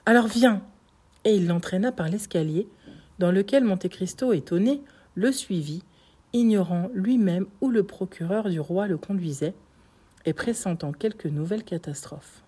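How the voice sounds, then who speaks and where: A woman narrating a classic novel in steady, dramatic storytelling. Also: lowish voice, moderate pace, husky. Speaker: audiobook narrator. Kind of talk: scripted narration.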